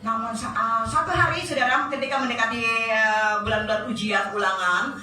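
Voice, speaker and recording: A woman's voice: on the high side, moderate pace, pushed and bright. A woman preacher telling a story in a sermon, often turning to address her congregation directly. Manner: storytelling, often addressing listeners as brothers and sisters. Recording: echoey hall, distant mic, faint music.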